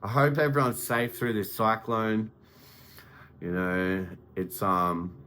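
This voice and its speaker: A man's voice: deep voice, fairly bright tone, slight background noise, low-quality recording. A young man giving an unscripted motivational monologue, swearing freely and turning heated and emphatic as he speaks. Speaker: motivational vlogger.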